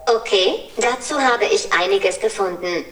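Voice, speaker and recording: A synthetic female robot voice speaks in polite, cheerful assistant phrases at a middle pitch. It is caught from some distance in a roomy, echoing space. The delivery is steady and scripted. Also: a little slow. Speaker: humanoid service robot. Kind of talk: scripted demo talk. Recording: roomy and far from mic.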